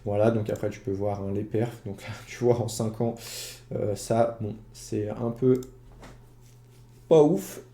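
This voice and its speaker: A man's voice: on the low side, flat delivery, a little slow, dark tone, reverberant. A man casually walking viewers through an investing platform, chatty and full of fillers. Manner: chatty, many fillers, addresses viewer directly. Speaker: investing YouTuber. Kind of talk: casual screen-share walkthrough.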